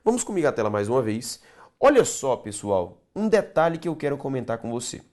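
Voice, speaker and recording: Male Brazilian teacher, very animated intonation, direct to camera, stretches key words slowly. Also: mid-range voice. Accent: Brazilian Portuguese. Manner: addresses viewers directly, checks understanding often. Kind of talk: online grammar lesson.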